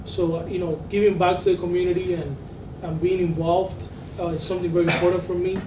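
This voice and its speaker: A man's voice: high voice, flat delivery, brisk. A man from Cuba, a law student, speaking sincerely on a panel and repeating words as he thinks. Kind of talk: panel discussion. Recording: roomy, distant, noisy.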